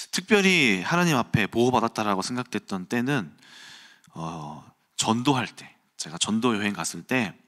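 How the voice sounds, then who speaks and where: Bright-voiced male preacher telling stories. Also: fairly low pitch. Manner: animated storytelling, acts out quotes and sounds, chuckles. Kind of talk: early-morning sermon with personal storytelling.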